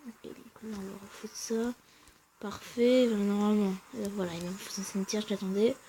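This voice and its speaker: A woman giving casual, slangy commentary over her own gameplay, talking quietly and then shouting at big wins and losses. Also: medium pitch, fairly even intonation, brisk, a little hiss or hum. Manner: speaks quietly between outbursts. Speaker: gaming channel host.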